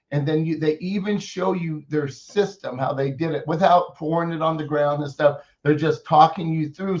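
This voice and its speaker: A man's voice: on the high side, muffled recording. A man hosting an online business coaching session, talking informally and rambling with fillers and restarts. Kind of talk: casual online presentation.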